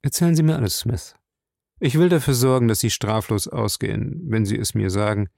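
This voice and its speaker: A man reading a hard-pressing police captain in a low, gravelly voice. The questions come blunt and probing, and the recording is dry and close. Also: a little fast, a little mellow, no echo, close to an everyday voice. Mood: stern. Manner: blunt, interrogating.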